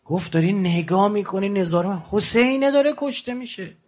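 A man's voice: animated, a little mellow, muffled recording. A man preaching a passionate sermon to pilgrims, asking rhetorical questions and swinging his voice sharply up and down. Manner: impassioned, rhetorical questions, sudden rises and drops in pitch.

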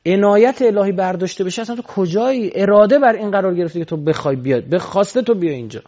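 Man, preacher, religious sermon, animated, loud exhortation and quiet murmurs, swooping pitch, dull lo-fi recording. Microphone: microphone.

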